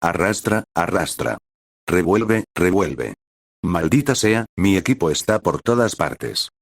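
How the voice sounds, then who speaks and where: A man's voice: sits low, animated, slow, gravelly, no room sound, studio quality, full character voice. A man reading the part of a hungover male courier who curses and scolds himself in a flustered way. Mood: frustrated. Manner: cursing, self-scolding, flustered.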